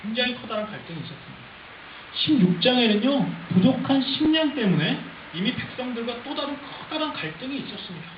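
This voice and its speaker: A man, a pastor, preaching a sermon who raises his voice to shout out the crowd's complaints. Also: high voice. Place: church sanctuary. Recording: roomy, slightly dull church recording with hiss.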